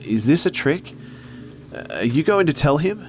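A man's voice: a little high, big pitch swings, normal speed, a little mellow, a little hiss or hum, voice pushed up. A man narrating a horror story voices a suspicious young boy. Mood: wary. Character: wary, resentful young boy.

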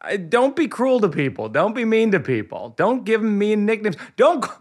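An American man hosting a podcast in casual chat, expressive and jumping up in pitch when he makes a point. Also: moderate pace. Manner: expressive, swoops up high when making a point. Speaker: podcast host.

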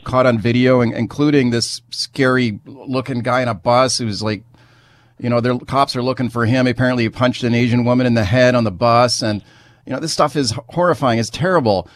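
A man's voice: medium pitch, fairly even intonation, fairly quick, no room sound. A man hosting a radio talk show, questioning his guest in a conversational way, full of hedges and fillers. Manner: conversational, hedging, lots of fillers.

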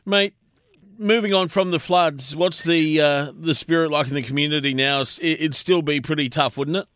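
Higher-voiced Australian male radio host. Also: normal speed, a bit bright, dry recording. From Brisbane, Australia. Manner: matey, colloquial. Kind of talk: casual radio interview.

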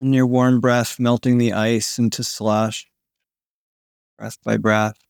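A man narrates as if telling a sleep story, guiding relaxation in a soothing, unhurried way. His mid-pitched voice sits in a very dry recording, with long pauses between phrases. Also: level tone, gravelly, clean tone, no room sound. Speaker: podcast host guiding a sleep meditation.

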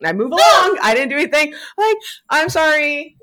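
A woman co-hosting a podcast, telling a story in a casual, animated way, laughing often and swearing freely. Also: high-pitched, fast talker. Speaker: podcast co-host.

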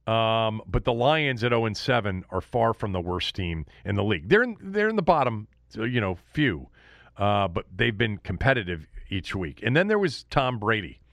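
A man hosts a sports podcast alone, offering casual, opinionated recaps to listeners in an emphatic, conversational style. His lowish, sing-song voice has vocal fry and a slightly bright quality, at normal speed with no room sound.

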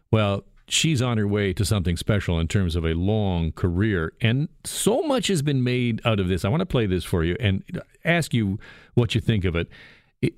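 A man's voice: fairly low pitch, a little mellow, dry recording. A man hosting a radio talk show from a studio booth, chatty and jokey. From Canada. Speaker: radio host. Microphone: studio microphone.

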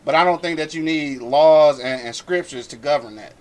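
A man's voice: fairly high pitch, moderate pace, darkish tone. A man talking casually in a group discussion, using informal, profane slang.

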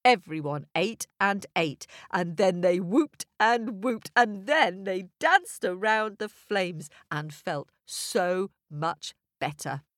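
A woman tells a children's story in a slow, unhurried way. Her voice swoops up and down, playful and expressive. The recording is close and dry. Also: mid-range voice, dry recording.

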